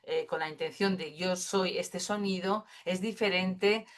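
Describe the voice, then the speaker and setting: Gentle woman teaching voice. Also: on the low side, steady tone, measured pace. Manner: gentle, thoughtful, many fillers and tag questions. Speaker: singing therapy teacher. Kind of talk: teaching a workshop module.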